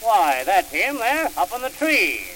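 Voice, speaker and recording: Guy doing a carefree american nephew, bright high voice, deadpan straight man on a crackly old comedy record. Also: measured pace, heavily acted. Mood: breezy, unbothered. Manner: matter-of-fact straight man. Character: breezy, unbothered nephew on a car ride. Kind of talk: early 1900s recorded comic sketch acting. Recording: hissy, crackling antique record.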